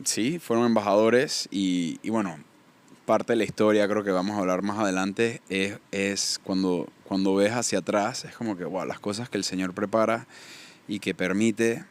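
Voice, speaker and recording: A young Panamanian man speaking with a Panamanian accent, a guest telling his life story in a casual podcast interview. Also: fairly low pitch. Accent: Panamanian Spanish. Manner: storytelling, warm and faith-focused.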